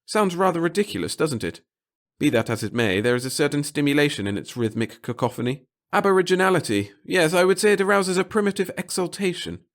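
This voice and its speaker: In this sci-fi audiobook, a man plays a small, fussy clerk with a raised, sing-song pitch. Fast and florid, he babbles in an obsequious, pompous, self-important way.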